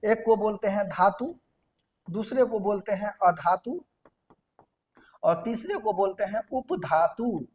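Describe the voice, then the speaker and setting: A woman's voice: mid-range voice, expressive, takes it slowly, long pauses, a little mellow, slight background noise. A woman teaching a science lesson, explaining step by step, putting questions to the class and answering them herself, and repeating key terms. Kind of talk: classroom lecture.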